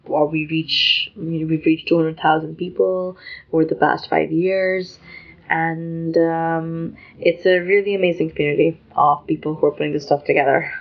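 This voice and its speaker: A woman in her twenties from Pakistan, chatting as a podcast guest in a lively, self-deprecating way that is quick to laugh. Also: sits low, creaky, dull audio. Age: 20s. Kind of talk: podcast interview.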